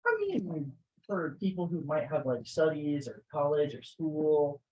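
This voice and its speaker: A man's voice: fairly high pitch, sing-song, measured pace, darkish tone, highs cut off. Tentative male tabletop player. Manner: tentative, with many likes and hedges. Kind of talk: casual chat during a tabletop game stream.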